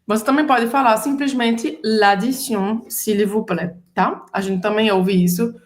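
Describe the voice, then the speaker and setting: A Brazilian woman with a Brazilian Portuguese accent co-hosts a relaxed French lesson. Her voice sits a little high. She breaks French pronunciation down step by step for learners. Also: measured pace. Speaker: French teacher. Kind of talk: casual bilingual language lesson.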